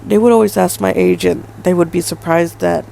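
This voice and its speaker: A woman's voice: lowish voice, fairly even intonation, brisk, creaky, dark tone, a little hiss or hum, rough recording. A woman in her twenties hosting a solo podcast, talking in a rambling way with lots of fillers and hedges. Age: 20s. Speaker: podcast host. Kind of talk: casual solo podcast monologue.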